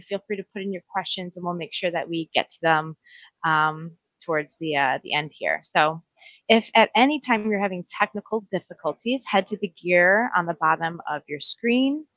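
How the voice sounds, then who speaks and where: A woman introduces a webinar session, reading housekeeping notes with small fillers in between. Her voice is on the low side, and the sound is dry and somewhat dull, like a call recording. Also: fairly bright tone, dry recording. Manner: reads announcements with fillers. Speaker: webinar host. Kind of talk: scripted introduction.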